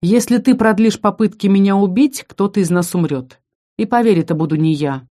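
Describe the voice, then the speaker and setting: A woman's voice: medium pitch, brisk, warm tone, lightly acted. A woman voicing a stern young warrior woman. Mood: firm. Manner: firm, stern. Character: stern young female warrior of a fantasy race.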